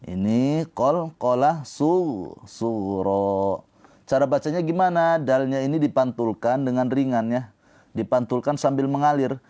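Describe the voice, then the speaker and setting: A medium-pitched man with a dark tone gives a livestreamed lesson on Quran recitation rules. His explanations are slow, followed by melodic, drawn-out chanting of verses.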